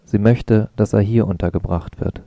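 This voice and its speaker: A man voicing a sad, tall father of about thirty with a soft, unsteady way of speaking. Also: lowish voice, fairly even intonation, normal speed, no echo, natural voice. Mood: sad, soothing. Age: 30s.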